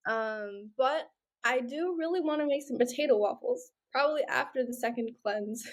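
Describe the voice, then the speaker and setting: Upbeat woman with a higher voice, casual. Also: moderate pace. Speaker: podcast co-host. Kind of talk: casual chat.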